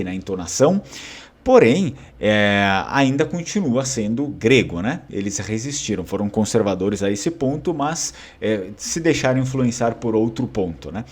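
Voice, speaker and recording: A man's voice: mid-range voice, darkish tone, husky. A man with a Brazilian Portuguese accent, explaining a linguistics article in an informal, conversational lecture and checking in with listeners often. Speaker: educator presenting a linguistics article.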